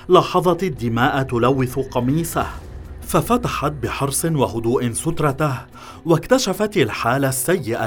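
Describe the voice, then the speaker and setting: A man reading a scripted thriller story in a measured, even way. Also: mid-range voice. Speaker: narrator.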